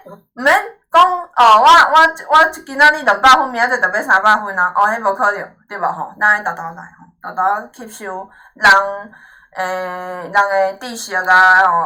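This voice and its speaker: A woman teaches in a conversational way with a clear Taiwanese Hokkien accent. Her voice is bright and forceful at a middle pitch. She keeps checking that the listener follows, with short questioning tags, and offers reassurance. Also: normal speed. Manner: encouraging, reassuring. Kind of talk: informal lesson, explaining to a student.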